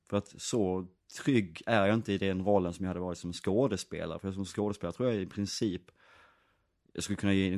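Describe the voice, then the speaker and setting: Deep-voiced man, reflective. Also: darkish tone, no echo, clean studio sound. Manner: reflective, rambling with many fillers and restarts. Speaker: actor and director. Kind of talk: casual interview answers.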